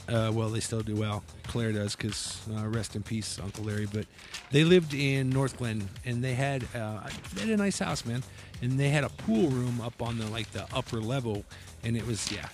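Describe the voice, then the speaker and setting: A man co-hosting a casual podcast, telling a family story and acting out the quotes with laughs. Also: mid-range voice. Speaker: podcast co-host.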